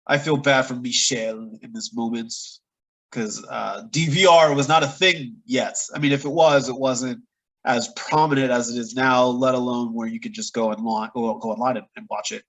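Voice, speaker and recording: A man's voice: medium pitch, steady tone, moderate pace, fairly bright tone, poor audio. A man hosting a podcast, recapping a TV episode in a casual, chatty way with playful exaggeration. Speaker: podcast host.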